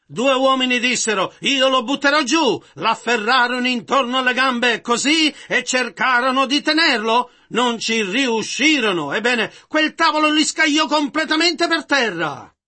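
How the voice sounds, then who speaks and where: A man interpreting a sermon with a very high voice and an intensely bright, sharp tone. He gives back each of the preacher's phrases in a measured, steady delivery.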